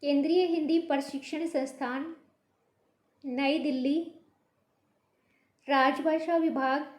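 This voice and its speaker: A woman teaching a Hindi class, patiently repeating each word slowly to show how it should sound. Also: sits high, fairly even intonation, echoey room. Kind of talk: online language lesson.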